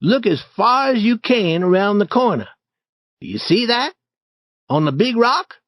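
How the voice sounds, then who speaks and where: A man's voice: unhurried, no echo. Bold eager boy, as a man puts him on. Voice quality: raised, boyish pitch. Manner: excited, lively storybook acting. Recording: dry, slightly dull recording.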